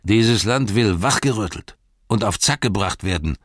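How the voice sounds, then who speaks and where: A man's voice: on the low side, lively intonation, normal speed, fairly bright tone, dry recording, clean studio sound, voice pushed up. A man doing a sneering brutish ruffian. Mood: threatening. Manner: bullying, menacing, drawls and spits words.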